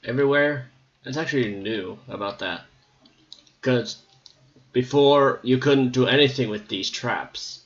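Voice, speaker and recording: A man's voice: mid-range voice, unhurried, long pauses, highs cut off. A man giving casual, rambling gameplay commentary with a slightly scratchy voice, hesitating often with ums. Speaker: gameplay video maker.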